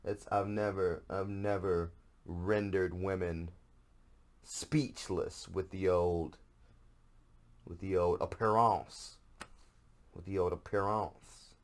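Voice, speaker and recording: A man with a very low voice hosts his podcast in an unhurried, rambling way. He swears freely and pokes fun at himself as he goes. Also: fairly even intonation. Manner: profane, self-mocking, rambling. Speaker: podcast host. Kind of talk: casual comic monologue.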